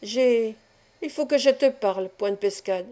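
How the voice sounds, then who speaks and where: A woman voicing a huge, slow-witted, gentle male giant who asks simple, puzzled questions. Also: on the high side, lightly acted.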